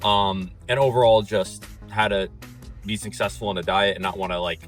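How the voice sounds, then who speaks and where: Jogging on a treadmill and a bit out of breath, a young adult college man gives a laid-back, meandering vlog chat about fitness, peppered with ums and likes. His pitch sits on the low side, his intonation is fairly even, and he talks at a normal speed with faint music behind him.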